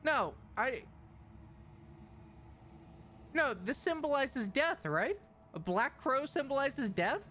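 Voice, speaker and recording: A man streaming a video game, commenting live to chat in an excitable way and repeating words in bursts. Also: very high voice, a little slow, slight background noise.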